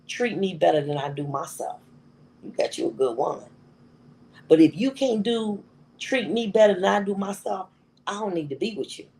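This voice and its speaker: A woman's voice: lowish voice, a little mellow, poor audio. A middle-aged woman giving a motivational talk to an audience, emphatic and repeating phrases for effect. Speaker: motivational speaker.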